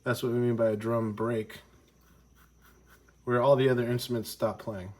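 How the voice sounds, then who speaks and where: A man's voice: mid-range voice, flat delivery, moderate pace, darkish tone. A man teaching a casual music lesson with a congested, stuffy voice, rambling and correcting himself as he goes. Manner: rambling, self-correcting, with frequent ums. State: congested from a cold.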